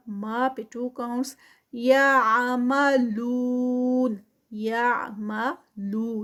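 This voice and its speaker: A woman teaching Quran tajweed, reciting slowly and drawing out the words, then explaining the rules quickly. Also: on the high side, darkish tone. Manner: slow drawn-out recitation between quick explanations. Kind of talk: tajweed lesson.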